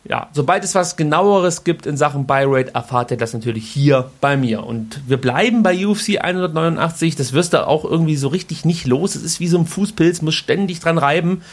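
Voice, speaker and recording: A male podcast host talks through the news in a loose, conversational way, slipping in crude slang now and then. His voice sits a little higher than most men's. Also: animated, brisk, hardly any pauses. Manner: informal and colloquial, with crude slang. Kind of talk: casual news commentary podcast.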